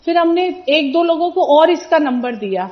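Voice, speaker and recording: A woman's voice: very high voice, expressive, moderate pace. A woman, giving an earnest personal testimony as a devotee and acting out the people she quotes. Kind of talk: personal testimony at a religious gathering. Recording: dull lo-fi recording.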